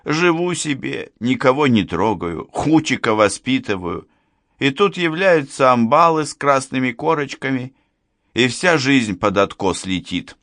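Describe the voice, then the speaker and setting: A man's voice: sits low, animated, measured pace, fairly bright tone, dry recording, clean studio sound. A man voicing a fretful, talkative retired postman, older and self-pitying, in an audiobook. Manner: plaintive, wordy, self-pitying.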